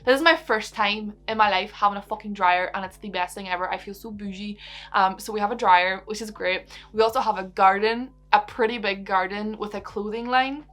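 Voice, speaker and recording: A young Irish woman from Donegal with an Irish accent, answering viewer questions in a relaxed home vlog, bubbly and giggly with the odd swear word. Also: medium pitch, fairly quick. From Ireland. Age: young adult. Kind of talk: casual chatty Q&A vlog.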